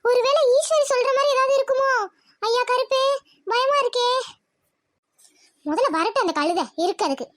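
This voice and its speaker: A woman's voice: very high-pitched, normal speed, pauses often, no echo, clean studio sound. A woman voicing a suspicious, scolding village mother. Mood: worried. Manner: scolding, suspicious, rural Tamil speech. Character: anxious strict village mother, middle-aged woman. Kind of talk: cartoon voice acting.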